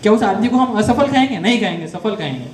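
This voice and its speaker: High-voiced Hindi teacher lecturing a class. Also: male voice, lively intonation, fast. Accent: Malwa Rajasthani. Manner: quizzes students, repeats words to correct them. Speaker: career guidance teacher. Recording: echoey room with faint noise.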